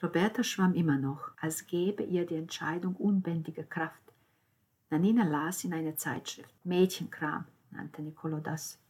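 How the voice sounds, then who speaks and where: Husky low-voiced woman narrating a novel. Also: steady tone, moderate pace, darkish tone. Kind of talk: audiobook narration.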